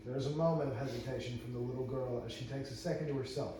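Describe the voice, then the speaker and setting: Very fast and mellow, this mid-range male voice keeps a fairly even intonation. Acting as narrator at a table read, he reads the screenplay's stage directions, tripping over and repeating phrases. It's recorded in an echoey room from far away, with faint background noise.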